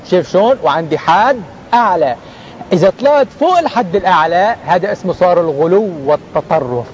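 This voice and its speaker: A man giving a colloquial religious lesson to young people, lively and acting out the people he quotes. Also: highs cut off, a little hiss or hum. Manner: animated, mimics people in quoted lines with jumps in pitch. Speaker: preacher.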